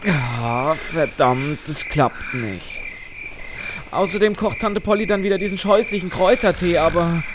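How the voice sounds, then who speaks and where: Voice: medium pitch, unhurried, noisy background, lightly acted. An actor voicing a mischievous, cheeky boy who grumbles and schemes theatrically in an audio drama. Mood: grumbling, scheming.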